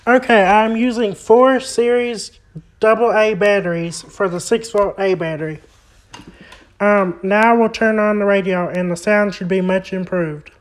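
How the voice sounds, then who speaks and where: A vintage radio repair hobbyist hosts a video, plainly explaining each step of a hands-on repair in a steady, unhurried, medium-pitched voice.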